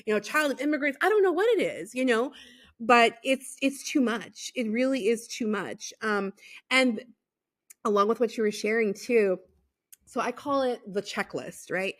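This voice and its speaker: Speaking at a moderate pace in a slightly high voice, the LA podcast host keeps the casual interview lively, laughing often and using lots of fillers.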